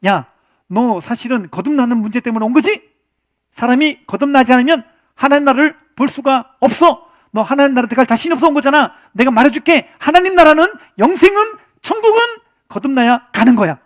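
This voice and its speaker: A man's voice: very high voice, lively intonation, brisk. A man voicing a blunt teacher figure who tells a visitor straight out what he came for. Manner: blunt, casual. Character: blunt, direct male teacher speaking plainly.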